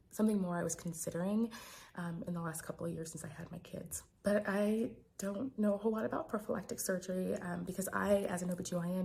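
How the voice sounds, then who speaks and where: An American woman in her thirties speaking quietly but clearly in a hesitant, reflective personal video diary as a physician vlogger. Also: lowish voice, a little hiss or hum.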